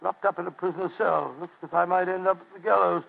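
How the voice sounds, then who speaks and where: An actor playing Doctor Watson, a fretful, loyal middle-aged English sidekick, blustering and grumbling with a British accent in old-time radio style. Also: male voice, high-pitched, steady tone, fast talker, vocal fry, narrow, tinny audio, full character voice. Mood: despondent.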